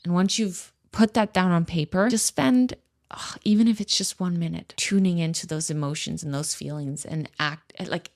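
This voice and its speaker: A woman's voice: fairly low pitch, fairly even intonation, moderate pace. A woman in her late twenties hosting a solo podcast Q&A, talking in an earnest, reflective and encouraging way. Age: 20s. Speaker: podcast host.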